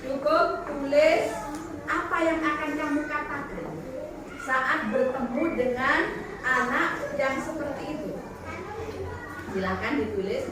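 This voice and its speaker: A woman's voice: high voice, slow, pauses often. A woman teacher running a primary school class, calling on pupils by name and encouraging them. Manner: encouraging, calls on pupils by name, leads applause. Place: classroom full of children. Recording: very echoey classroom, distant mic, noisy.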